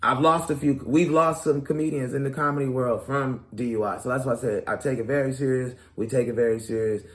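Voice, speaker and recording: A man's voice: mid-range voice, fairly even intonation, fairly quick, hardly any pauses, fairly bright tone. A man in his thirties, a comedian hosting his own show, talking casually and animatedly in slang straight to his audience. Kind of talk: casual commentary monologue.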